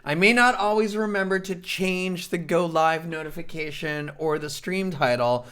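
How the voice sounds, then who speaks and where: A woman's voice: lowish voice, moderate pace, a bit bright, clear, resonant tone. A jet-lagged woman hosting a live stream in casual chat, rambling in a scattered way, swearing and laughing often. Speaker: livestream host.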